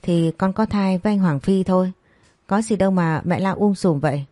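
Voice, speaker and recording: A woman's voice: fairly low pitch, moderate pace, warm tone, no room sound, close to an everyday voice. Spoiled defiant young woman, read by a woman. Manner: sneering, defiant.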